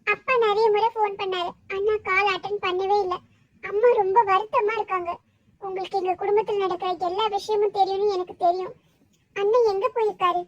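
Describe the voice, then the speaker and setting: A woman voicing an earnest, high-pitched college girl. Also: steady tone, fairly quick, dull audio. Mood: pleading. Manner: pleading, earnest. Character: worried young college girl pleading for her brother. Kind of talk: cartoon voice acting.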